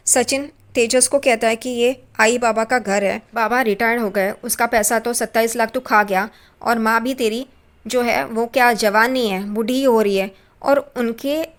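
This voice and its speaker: In a fairly high voice, a woman casually recaps an episode of a TV serial. She retells the scenes in spoken narration, giving quoted lines small lifts in pitch.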